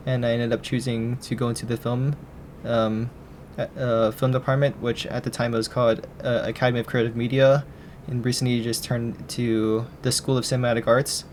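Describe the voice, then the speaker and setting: This is a young man in his twenties from Hawaii, a film student being interviewed. He talks in a flat, even tone and answers hesitantly, often stopping and restarting his sentences. A faint rumble sits behind his voice. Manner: halting and hesitant, full of restarts.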